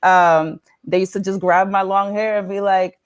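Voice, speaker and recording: A woman's voice: medium pitch, steady tone, normal speed, clean tone. A woman from the Dominican Republic, a guest on a talk show, speaking candidly and laughing often, with many fillers. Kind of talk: casual interview talk.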